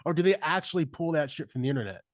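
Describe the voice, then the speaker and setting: A man's voice: a little high, expressive, rapid-fire, no echo, studio quality. A man hosting a podcast, talking in a rambling, casual way with many fillers. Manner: rambling, filler-heavy, says bro a lot. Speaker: podcast host. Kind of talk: casual interview chat.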